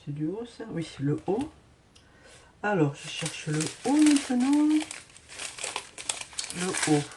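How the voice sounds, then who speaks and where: A woman's voice: mid-range voice, sing-song, slow pace, mellow, slight background noise. A woman hosting a casual craft tutorial who hesitates often with fillers while she sorts beads and talks to viewers.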